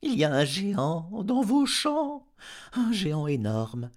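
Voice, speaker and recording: A yelping, panicky talking farm dog from a storybook reading. The voice leaps far above his own and swoops wildly, drawn out into shrill, wailing cries. He stays cheeky even in his panic. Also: takes it slowly, full character voice. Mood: panicked.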